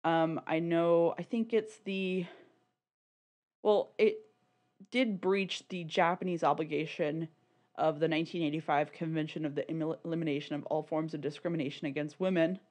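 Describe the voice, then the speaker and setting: A podcast co-host with a slightly low, darkish voice talks casually and loosely, peppering her speech with "like" as she works through a point in discussion. She laughs easily and keeps a steady tone at a moderate pace.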